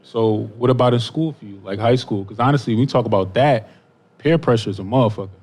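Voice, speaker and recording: A man hosting a casual podcast, asking questions in a relaxed way with plenty of encouraging "mm-hmm"s. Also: mid-range voice, fast. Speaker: podcast host. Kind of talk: casual interview chat.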